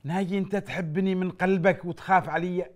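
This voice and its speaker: A man's voice: sits high, fairly even intonation, fast, natural voice. A man playing a mischievous, bossy male friend who teases and barks orders, in a comedy sketch. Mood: teasing. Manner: teasing, bossy, barking orders. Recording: faint music behind the voice.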